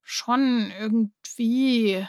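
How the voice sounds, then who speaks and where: A woman's voice: on the high side, extremely slow, clear, resonant tone, dry recording, studio quality. A woman voicing a shy, thoughtful schoolboy who talks hesitantly. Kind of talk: audiobook reading.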